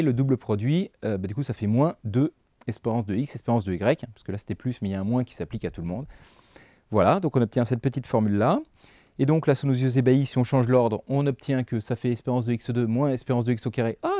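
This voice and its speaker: A man's voice: mid-range voice, dark tone, dry recording, studio quality. Chatty French-speaking man teaching math. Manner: casual, chatty, thinks aloud with fillers. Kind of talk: lecturing over slides.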